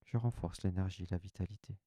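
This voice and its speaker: A man leading a guided relaxation session, giving calm, soft, unhurried instructions in the first person. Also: low voice, slight background noise.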